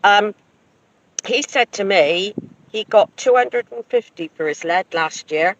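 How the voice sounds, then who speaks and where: A man's voice: sits high, a little slow, fairly bright tone. An English man who detects metal, having a casual chat outdoors in a field. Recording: dull, noisy outdoor recording.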